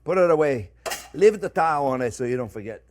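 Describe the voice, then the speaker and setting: A man's voice: a little high, lively intonation, fast talker. An older man hosting a cooking show, chatting casually and animatedly to viewers as friends and often repeating short phrases as he demonstrates. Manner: addresses viewers warmly as friends.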